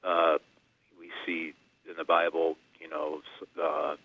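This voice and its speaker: A man phones into a late-night radio show on a landline, his voice thin and tinny down the line. He talks in a low, flat register, halting and padding with fillers as he goes. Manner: halting, loose chatty phrasing with fillers. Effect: over a landline phone. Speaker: radio call-in caller. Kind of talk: casual call-in chat.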